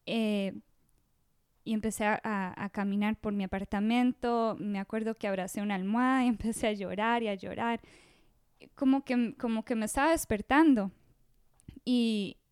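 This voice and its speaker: A woman's voice: fairly high pitch, darkish tone, clean tone, no echo, clean studio sound. A woman in her thirties from Rica, telling her story as a podcast guest in a chatty way, often restarting her sentences. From Costa Rica. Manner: chatty, with frequent restarts and fillers. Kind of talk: casual interview storytelling.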